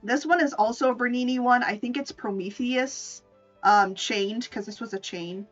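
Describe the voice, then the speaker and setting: Far from the mic in a muffled recording, a streamer with a slightly high voice talks at a moderate pace over soft background music. She shows her art to viewers in an informal, playful chat, swearing freely as a VTuber artist.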